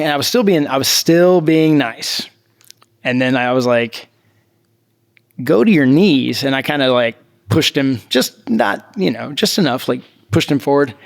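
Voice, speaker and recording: A man hosting a podcast, telling a coaching story in a casual, animated way, laughing often. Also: medium pitch. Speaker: podcast host and jiu-jitsu coach.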